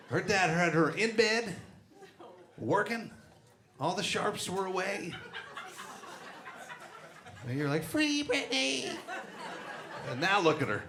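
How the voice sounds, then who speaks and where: A man doing a crude, brash stand-up set on a comedy club stage, talking into a handheld mic while an audience laughs. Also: high voice. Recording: echoey club with loud crowd.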